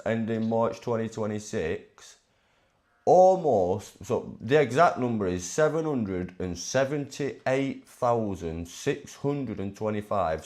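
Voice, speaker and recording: A man hosting a live stream speaks in a low voice that rises and falls a lot. He chats casually, stumbles into restarts and reads numbers aloud as he goes. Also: darkish tone. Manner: reads out statistics, chatty with restarts.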